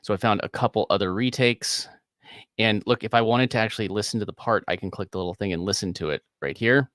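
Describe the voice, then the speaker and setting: Male host, low voice, dry close sound, casual rambling live tutorial delivery. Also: fast talker, fairly bright tone, no room sound. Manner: casual, rambling, chuckles often. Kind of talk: live screen-share editing tutorial.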